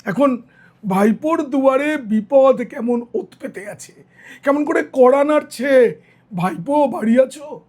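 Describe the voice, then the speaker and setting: A middle-aged male journalist giving political news commentary, hoarse and tired, speaking earnestly straight to his viewers. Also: very high-pitched, takes it slowly, darkish tone. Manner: earnest, direct address to viewers.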